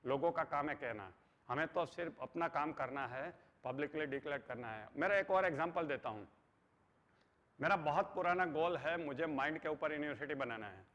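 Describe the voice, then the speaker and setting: Middle-aged male motivational trainer, earnest lecture delivery, mixes in English phrases, slightly high voice, muffled hall recording with long reverb. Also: moderate pace, a bit bright.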